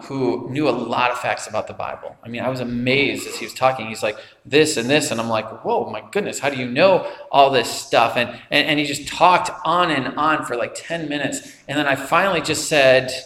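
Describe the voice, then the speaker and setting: A man's voice: medium pitch, a bit bright, roomy sound, big-room sound. A man preaching a sermon, retelling a film scene with quoted dialogue. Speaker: pastor.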